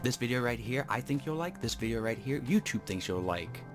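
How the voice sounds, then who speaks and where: A man's voice: medium pitch, lively intonation, a little fast, over loud music. A man hosting his own channel, giving a chatty, rambling board game review and walking through the rules step by step. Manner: loose, rambling, with fillers and restarts. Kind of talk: casual video review.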